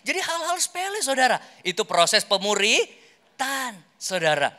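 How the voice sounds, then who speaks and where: A pastor gives a workshop talk in a large hall, preaching conversationally to his congregation and acting out short everyday examples. His voice is very high-pitched and very animated, with a sharp tone at a moderate pace. The echoing hall adds long reverb to this animated sermon teaching.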